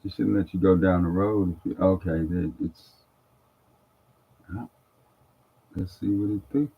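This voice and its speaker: A man with a low, slightly husky voice talks offhand to his live viewers as he works out new software. He thinks aloud in a loose, chatty way. The audio is thin and tinny, like a phone line. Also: steady tone, a little slow. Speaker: trader streaming live. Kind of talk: casual live commentary.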